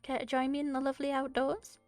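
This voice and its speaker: A woman's voice: high-pitched, completely flat delivery, fast, darkish tone, faint music behind. A woman voicing sweet, refined Violet. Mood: warm teasing. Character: gentle refined young woman baker. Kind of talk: reading a visual novel aloud.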